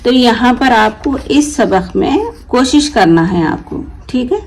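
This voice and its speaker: Woman, teacher, slow, patient, sounds out letters, answers her own questions. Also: fairly high pitch, lively intonation, a little mellow, slight background noise, low-quality recording. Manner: asks questions then answers them herself. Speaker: Urdu teacher. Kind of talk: reading lesson.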